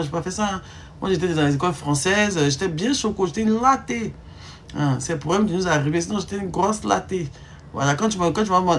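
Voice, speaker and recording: Her voice is lowish, with a slight hiss or hum on the audio. She's an Ivorian woman in her thirties with an Ivorian French accent, casually chatting on a live stream, emphatic and teasing, hitting viewers with rhetorical questions.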